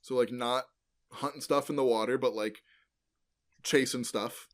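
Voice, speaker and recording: With a steady tone and a mid-range voice, a man co-hosting an easygoing educational podcast talks a little slowly about paleontology. He rambles, self-corrects, and leans heavily on ums, uhs, and "like."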